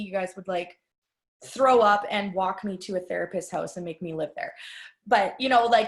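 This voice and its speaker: A woman giving a live training talk to an audience, chatty and confiding, addressing the listeners directly and telling personal stories. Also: mid-range voice. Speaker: business trainer. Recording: echoey room.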